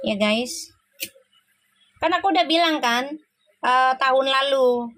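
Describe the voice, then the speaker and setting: A woman's voice: high voice, slow, a bit bright, soft background music. A woman doing a casual live tarot reading, exclaiming and laughing often as she talks. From Indonesia. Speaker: tarot reader.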